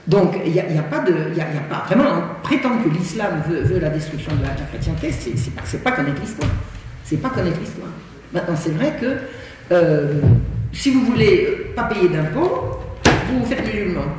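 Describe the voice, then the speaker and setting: A woman's voice: fairly low pitch, expressive, a little fast. Woman lecturing in an echoey hall. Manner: emphatic, frequent word repetitions and restarts. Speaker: invited guest speaker. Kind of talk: lecture-style talk to an audience. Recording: echoey hall, distant mic, faint hiss.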